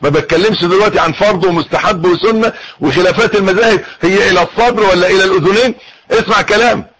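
A man with an Egyptian Arabic accent teaching how to pray, coaxing his listeners and demonstrating each step, with a husky voice. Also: high voice, quick pace, a bit bright, a little hiss or hum, poor audio. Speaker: religious teacher.

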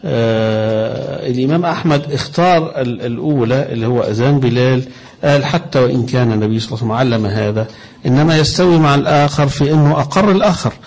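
Egyptian guy teaching hadith, husky raspy voice with some fry, reads the quotes out slow. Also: mid-range voice, darkish tone. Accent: Egyptian Arabic. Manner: recites quoted phrases slowly and deliberately. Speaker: religious teacher. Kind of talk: explaining hadith in a religious lesson.

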